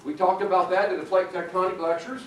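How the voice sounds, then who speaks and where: A man giving a lively, playful university geology lecture to students in a lecture room. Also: high voice, quick pace, slight background noise. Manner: animated, playful, talks to students. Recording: echoey room from far off.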